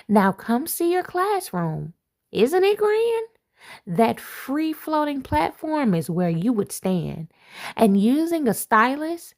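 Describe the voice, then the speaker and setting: A woman, an assistant principal, takes her time reading a rhyming picture book to children, her voice rising and falling with delight. It sits fairly high with a gravelly fry, and she pauses occasionally for playful asides to the kids as she reads expressively.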